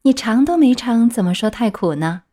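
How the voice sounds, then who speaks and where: A soft, motherly fairy, as read by a woman, coaxing and patient, lively storybook tone. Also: fairly high pitch, moderate pace. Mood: gentle coaxing. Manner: gentle, coaxing.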